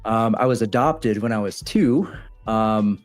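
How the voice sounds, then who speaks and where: A man's voice: fairly low pitch, a little slow, soft background music. A man from Texas talking casually as an interview guest, easygoing and laughing often over a home mic on a video call. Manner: easygoing, many fillers and restarts, laughs often. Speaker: guest trader.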